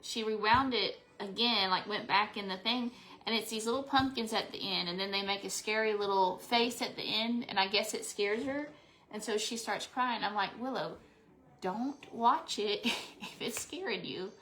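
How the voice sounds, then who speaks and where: A woman's voice: medium pitch, moderate pace, pushed and bright. A woman in her forties chatting casually to camera while painting a craft, rambling and talking to herself as she works. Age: 40s. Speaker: craft vlogger.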